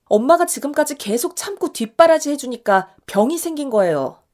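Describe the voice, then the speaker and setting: An impassioned adult daughter, played by a woman in a radio story drama. She speaks up loudly and with heat, pitched a bit above the narrator's own voice. She protests on her mother's behalf. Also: animated, slow. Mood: indignant. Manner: loud, impassioned pleading.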